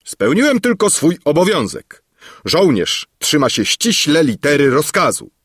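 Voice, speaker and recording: A man's voice: fairly high pitch, big pitch swings, measured pace, a bit bright, breathy edge, dry recording, studio quality, voice pushed up, exaggerated voice. A man voicing a stiff, dutiful old army captain in a storybook reading, earnest and formal. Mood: defensive.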